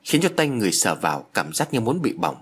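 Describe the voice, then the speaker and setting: A man narrating an audio story in an expressive, dramatic way. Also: on the low side, fast, breathy edge.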